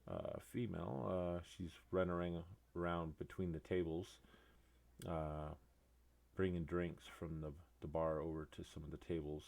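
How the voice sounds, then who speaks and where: Slow gravelly game master man. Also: sits low, fairly even intonation, a little mellow. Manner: unhurried, halting with fillers. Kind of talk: narrating a tabletop game.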